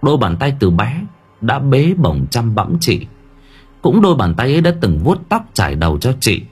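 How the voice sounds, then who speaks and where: A man's voice: mid-range voice, sing-song, moderate pace, a little mellow, breathy edge. A man narrating a horror story in a dramatic storytelling manner. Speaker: audiobook narrator. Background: faint background music.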